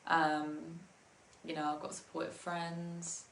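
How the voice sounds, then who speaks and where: Brief: young English woman, low-ish voice, giggly casual guest, roomy echo. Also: completely flat delivery, slow, vocal fry, a little hiss or hum. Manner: giggly, with many ums and likes. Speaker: interview guest, musician. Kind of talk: casual interview chat.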